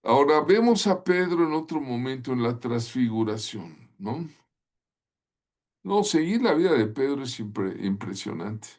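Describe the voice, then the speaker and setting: A man's voice: medium pitch, very animated, measured pace, a little mellow. A man teaching a Bible lesson in sermon style, retelling the stories vividly and often asking his listeners rhetorical questions.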